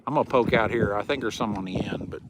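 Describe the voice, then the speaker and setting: A man's voice: on the low side, quick pace, very noisy. A man with a Southern US hillbilly accent chats casually and saltily on a fishing livestream, recorded outdoors on a boat. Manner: folksy, colloquial, salty-tongued.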